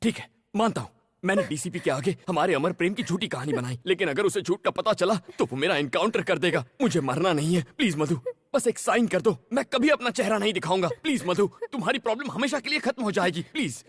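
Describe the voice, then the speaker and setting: A man's voice: high voice, animated, fast, breathy edge, no room sound, clean studio sound. An actor dubbing an anxious young male police officer who pleads urgently and protests nervously in a Hindi film dub. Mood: pleading. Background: film score.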